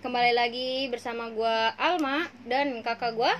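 A woman's voice: on the high side, steady tone, a little slow, a bit bright, slight background noise. A young woman hosting a casual podcast, playful and slangy, laughing often. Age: young adult. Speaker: podcast host.

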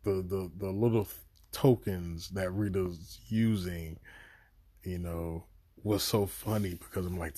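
A man talking through a show review on his podcast in a loose, rambling, profane way, with sudden excited bursts. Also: low-pitched, husky, no echo. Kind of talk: casual spoken review.

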